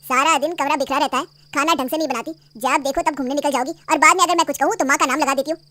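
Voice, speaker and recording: A woman voicing a bossy, short-tempered young husband in a cartoon family story, loud and demanding. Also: high-pitched, fairly even intonation, quick pace. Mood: scornful.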